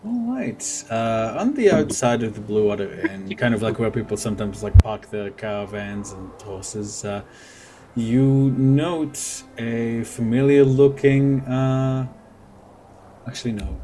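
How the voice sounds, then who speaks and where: A man improvising descriptive narration as game master of a tabletop game, speaking haltingly. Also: medium pitch, lively intonation, mellow, faint music behind.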